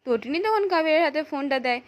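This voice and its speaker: A woman with a high, light voice reads out a television serial's plot as a scripted recap. Her delivery stays steady and even throughout, like someone reading from a prepared text. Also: fast, lo-fi sound.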